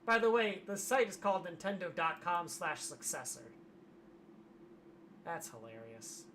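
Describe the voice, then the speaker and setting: A hoarse streamer in casual livestream commentary, wry and grumbling, reading aloud from a web page. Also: mid-range voice, sing-song, unhurried, noisy background. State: losing voice, hoarse.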